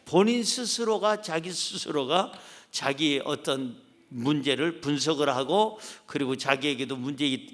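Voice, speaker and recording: A male pastor preaching a sermon with emphatic delivery, acting out short quoted voices. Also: fairly high pitch. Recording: long church-hall reverb.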